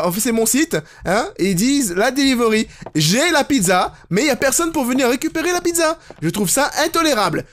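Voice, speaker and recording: Expressive high-voiced gaming YouTuber playing horror. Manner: expressive, jokey, swearing and exclaiming. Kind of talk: horror game let's play commentary. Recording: game music behind the voice. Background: horror game music.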